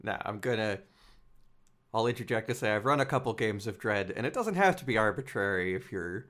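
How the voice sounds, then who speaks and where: A man's voice: on the low side, animated, a little fast, a bit bright. A man appearing as a guest on a movie podcast, making dry, wry remarks in casual chat.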